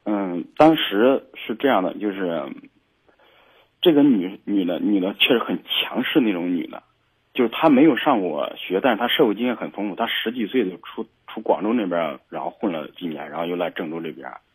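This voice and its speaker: A man calling in to an advice show, aggrieved and halting, repeating himself as he tells his side. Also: low voice, expressive, breathy edge, low-quality recording. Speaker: caller.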